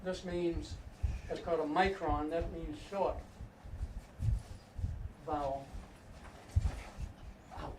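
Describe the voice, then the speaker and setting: A man's voice: fairly high pitch, fairly even intonation, slow pace, long pauses. An older man teaching a class, explaining pronunciation step by step and often checking with "right?". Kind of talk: classroom lecture. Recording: echoey room, mic far off, faint noise.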